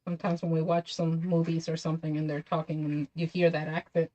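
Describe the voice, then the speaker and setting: A woman's voice: low voice, level tone, brisk, warm tone, dull audio. A woman hosting a craft tutorial, chatting casually with viewers by name and laughing often. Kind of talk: casual livestream crafting chat.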